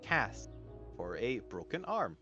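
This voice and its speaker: A man voicing a sassy male computer tablet that announces it is processing in a flat robotic way, with a dull lo-fi sound and faint music. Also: medium pitch, slow pace, exaggerated voice. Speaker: game master.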